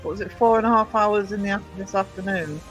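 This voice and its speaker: Speaking fast at medium pitch, this live-stream host chats casually into her desk mic, welcoming viewers by name amid plenty of fillers and false starts. Hay fever has her coughing and losing her voice, while her own quiet tune plays faintly behind her.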